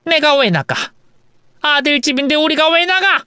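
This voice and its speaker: A woman voicing a bossy older mother-in-law who scolds and shouts. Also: fairly high pitch, big pitch swings, moderate pace, smooth, no echo, studio quality, voice pushed up. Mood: indignant.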